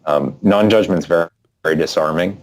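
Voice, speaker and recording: A man's voice: low-pitched, fairly quick. A man being interviewed as a guest, telling a personal story in a reflective way with frequent fillers. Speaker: guest author. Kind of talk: interview conversation.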